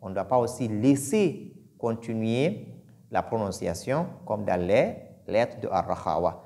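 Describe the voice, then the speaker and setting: Male teacher, slow and deliberate, animated intonation, drills pronunciation by repetition. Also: lowish voice, vocal fry. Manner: deliberate, repeats sounds to demonstrate them. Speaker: Quran recitation teacher. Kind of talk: pronunciation lesson.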